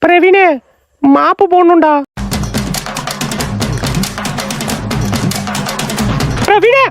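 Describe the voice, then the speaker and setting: A woman's voice: extremely high pitch, lively intonation, a little slow, lo-fi sound, over music, voice pushed up, heavily acted. A woman playing a bossy, boastful young woman who keeps calling out orders.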